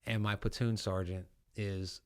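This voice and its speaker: A man's voice: on the low side, level tone, a little slow, clean tone. A man in his forties, a veteran podcast host, telling rambling, profane Army stories in casual chat. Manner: profane, rambling anecdotes with acted-out quotes.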